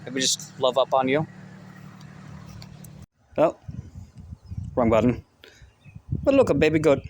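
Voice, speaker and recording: A man's voice: slow pace, noisy background. A man vlogging casually outdoors on a rural delivery route, rambling and swearing as he records on his phone. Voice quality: profane, rambling, lively swings in pitch. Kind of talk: casual vlog.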